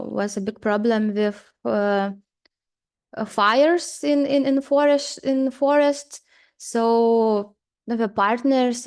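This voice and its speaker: Slow, hesitant woman presenting. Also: a little high, a little mellow, clear, resonant tone. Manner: hesitant, many pauses and fillers. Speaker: seminar presenter. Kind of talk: presenting slides at a seminar.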